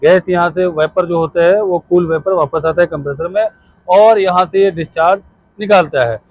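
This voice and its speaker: A man's voice: sits high, moderate pace, a little mellow, dry recording, highs cut off. A man in his thirties explains a screw chiller step by step outdoors on a rooftop, while a helper films on a phone. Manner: explains step by step, pointing at parts. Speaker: HVAC instructor. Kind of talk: hands-on technical explanation. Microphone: phone camera held by a helper.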